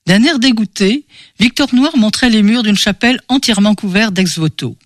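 A man narrating a novel in a measured, expressive way. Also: high-pitched, dry recording, studio quality. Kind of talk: scripted audiobook narration.

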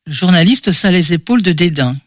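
High-pitched male audiobook narrator. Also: animated, quick pace, dry recording, clean studio sound.

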